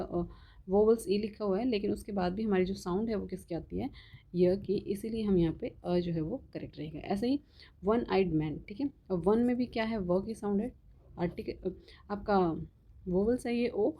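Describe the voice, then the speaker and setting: A woman's voice: mid-range voice, mellow. A woman teaching a grammar lesson for exam students. She keeps asking the class questions and answering them herself, often checking with "ठीक है?". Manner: spells example words slowly.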